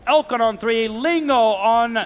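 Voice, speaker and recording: Very high-voiced male esports caster. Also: unhurried. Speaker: esports co-commentator. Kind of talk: live esports commentary.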